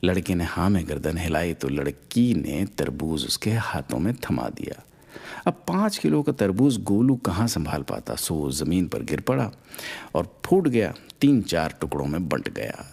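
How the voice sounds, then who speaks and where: Deep-voiced man telling a story. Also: normal speed, vocal fry, slightly rough. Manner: expressive, lifts pitch for characters' lines. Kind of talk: story narration with voiced quotes.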